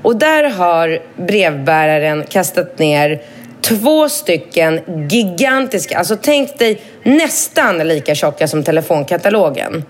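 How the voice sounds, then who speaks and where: A woman in her thirties tells a story in a relaxed podcast conversation. She swears freely and jumps up high in pitch whenever she acts out what someone said. Her voice sits fairly low otherwise. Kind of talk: casual chat, animated storytelling.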